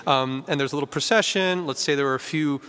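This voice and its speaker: A man, a priest, reads the Gospel and preaches at Mass in a measured, clear way, his voice ringing with cathedral echo. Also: fairly high pitch, sharp tone. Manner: measured, clear proclamation, with an easy conversational tone in the homily. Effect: cathedral echo, long church reverb. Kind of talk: gospel reading and homily at Mass. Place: church during Mass. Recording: long echoing church reverb.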